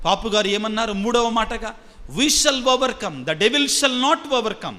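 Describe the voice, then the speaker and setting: High, bright-voiced preaching priest. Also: male voice. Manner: emphatic preaching, repeating phrases and asking the congregation questions. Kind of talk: sermon. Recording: long hall reverb.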